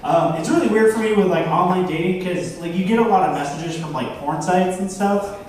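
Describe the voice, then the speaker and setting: A man in his thirties works a bar stage with a self-deprecating stand-up set, his fairly high voice broken up by frequent fillers. The mic sits back from him in a very echoey room. A faint hum of the bar runs underneath. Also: brisk, distant mic. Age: 30s. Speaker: stand-up comedian. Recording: roomy bar, from afar, faint crowd noise.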